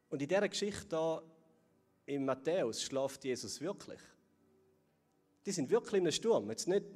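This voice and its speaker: A man preaching a sermon to a congregation and viewers at home, earnest, often sinking to soft, low tones on key words. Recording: long hall reverb.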